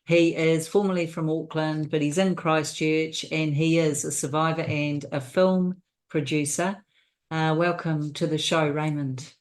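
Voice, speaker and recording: A woman's voice: low-pitched, fairly even intonation, unhurried. A woman with a New Zealand accent hosting an interview show, welcoming and earnest. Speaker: host.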